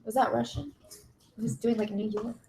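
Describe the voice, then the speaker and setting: A woman's voice: on the high side, normal speed, dark tone, a little hiss or hum. A woman playing a tabletop game, eager and full of questions. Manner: eager, asks lots of questions. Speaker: player. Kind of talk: casual tabletop play. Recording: roomy echo.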